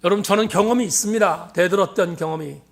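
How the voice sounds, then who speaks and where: A man's voice: high-pitched, fast, creaky. A middle-aged male pastor preaching a sermon and giving an earnest, emphatic personal testimony.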